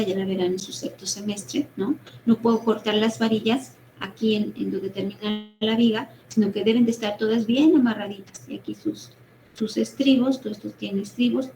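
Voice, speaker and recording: Woman teaching, higher voice. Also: a little mellow, a little hiss or hum, poor audio. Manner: explanatory, peppers talk with tag questions and fillers. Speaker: university lecturer. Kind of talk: online engineering lecture.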